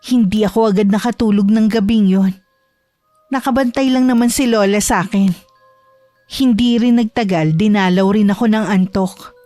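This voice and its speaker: A woman narrating a horror story in the first person, in a steady, hushed storytelling manner. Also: medium pitch, moderate pace, dry recording, soft background music.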